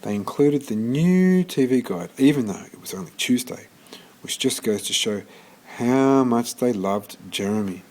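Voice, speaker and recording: A storybook reader with a mid-range voice reads a children's story aloud at a measured pace. He tells it expressively, now and then stumbling and starting over.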